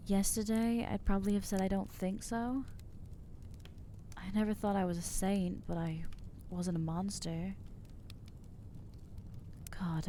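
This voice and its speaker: A woman performs an ASMR roleplay as a nervous, guilt-stricken young vampire girl, stumbling over her words and stammering while she scolds herself. Her pitch is mid-range and her tone warm, with a little background noise in the recording.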